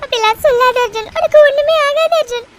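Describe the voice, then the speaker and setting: A very high, fast female voice cries and pleads through a melodramatic Tamil audio drama, acting as a young woman desperately devoted to her wounded beloved. Her begging is tearful and repetitive, and clicks and noise mar the recording.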